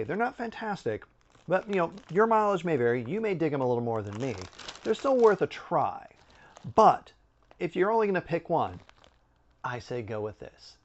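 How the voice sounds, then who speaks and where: A middle-aged man giving a casual product review to camera, conversational, with musing pauses and asides. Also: fairly high pitch, highs cut off. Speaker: snack review video host. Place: indoor room with bookshelves.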